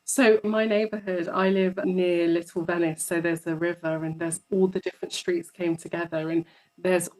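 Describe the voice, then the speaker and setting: A woman's voice: on the low side, little pitch movement, normal speed, darkish tone, low-quality recording. A woman, a psychologist guest chatting in an interview and telling stories, often repeating words for emphasis. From London, England. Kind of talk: casual interview conversation.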